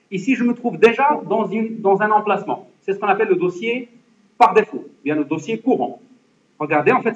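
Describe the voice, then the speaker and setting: A man whose voice sits high explains a computer lesson to his class in careful steps, repeatedly asking whether they follow. Slight background noise mixes with the echoey room and dull, lo-fi sound.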